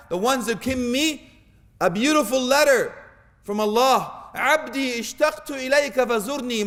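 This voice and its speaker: A man preaching an animated sermon, joking and acting out little scenes with mock dialogue and Arabic phrases. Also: very high-pitched, long reverb tail.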